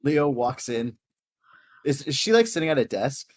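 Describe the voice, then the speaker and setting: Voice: medium pitch, very animated, normal speed, darkish tone, no room sound, studio quality. A tabletop player who laughs often and talks loosely. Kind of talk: casual game chat.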